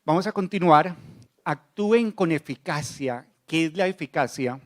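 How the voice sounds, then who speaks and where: A man's voice: a little high, animated, unhurried. A man giving a motivational conference talk, quizzing the audience with short questions. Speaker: conference speaker.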